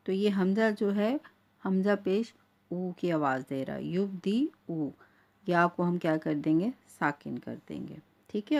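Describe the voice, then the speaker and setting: A woman teaching Quran reading step by step. She is patient and often checks in with the learner, slowing down to spell out each sound. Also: mid-range voice, a little mellow. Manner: patient, repeats checks like "theek hai" and slows to spell out sounds. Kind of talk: step-by-step lesson.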